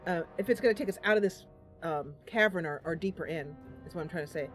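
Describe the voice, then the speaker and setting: In a fairly low, fast voice, a woman gives playful, chatty game commentary, thinking aloud and voicing role-play as the gameplay host. Game music sounds in the background.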